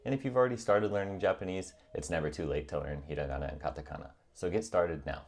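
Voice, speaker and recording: A young man calmly and encouragingly narrating a scripted tutorial on learning a language. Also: deep voice, fast talker, vocal fry. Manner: calm, encouraging and reassuring.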